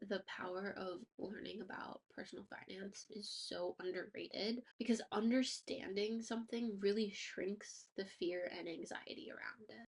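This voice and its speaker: In a rough recording, a woman with a creaky, medium-pitched voice hosts a personal finance podcast. Her scripted monologue is upbeat and motivating, sprinkled with casual fillers, and allergies make her a little stuffy and nasal.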